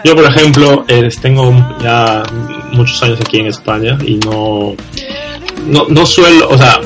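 A man's voice: medium pitch, a little slow, over music. A man interviewing a guest in a casual chat, often ending remarks with a questioning tag. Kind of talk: casual conversation.

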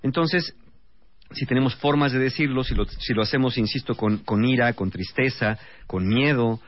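A man, a relationship expert explaining as a guest on a radio talk show, calm, listing one example after another. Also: medium pitch, normal speed, no room sound. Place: radio studio. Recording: dull broadcast radio sound.

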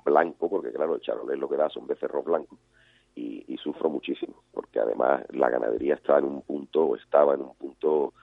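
A man's voice: extremely low pitch, a little fast, vocal fry, slightly rough, no echo. A man, a cattle breeder answering interview questions hesitantly, often repeating words. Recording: dry, phone-like line.

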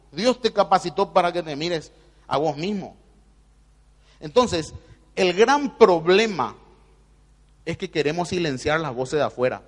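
Rioplatense guy giving a churchy pep talk, high voice, big hall echo. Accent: Rioplatense Spanish. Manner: emphatic, addresses listener directly and familiarly. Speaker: motivational speaker on radio. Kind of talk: spiritual motivational talk.

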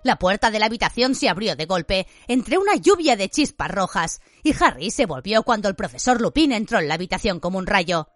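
A woman narrating an audiobook with an expressive storytelling delivery, recorded in a dry studio. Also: medium pitch, a little fast, few pauses, no echo. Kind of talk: scripted narration. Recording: dry studio read with faint music.

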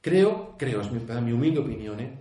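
A priest with a Castilian Spanish accent giving an earnest conference talk, full of restarts, rhetorical questions and a tag "¿eh?". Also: male voice, medium pitch, lively intonation, normal speed, mellow. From Spain. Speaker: priest and pastoral speaker. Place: conference hall. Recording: echoey hall.

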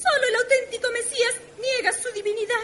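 A woman's voice: extremely high pitch, fairly even intonation, fast talker, fairly bright tone. A woman from voicing an eager, devout follower in a radio play.

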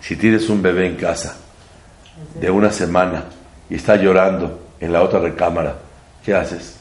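A man's voice: low-pitched, steady tone, moderate pace, darkish tone, slight background noise. A man giving a Torah sermon, asking rhetorical questions and using playful homely examples. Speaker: religious teacher. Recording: echoey room.

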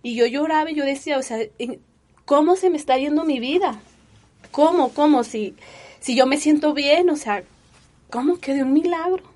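A woman, telling her personal story in an interview with earnest, animated feeling and many fillers. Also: sits high, moderate pace. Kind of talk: emotional personal testimony.

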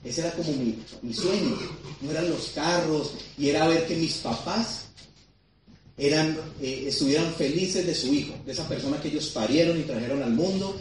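A motivational speaker whose voice sits on the high side gives an excitable, fast-paced storytelling talk at a sales seminar, quizzing the audience. Recorded from a distance in a very echoey large hall, the clip carries slight background noise.

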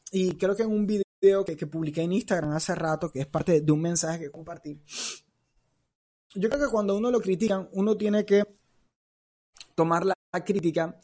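A man's voice: high voice, a little mellow. A man giving an informal sermon in a conversational way, stumbling and repeating words as he goes. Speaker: preacher.

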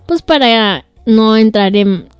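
A woman's voice: fairly high pitch, expressive, slow pace, clean tone, no room sound, muffled recording, soft background music. A woman co-hosting a casual chat, talking bluntly and emphatically and laughing often. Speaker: co-host.

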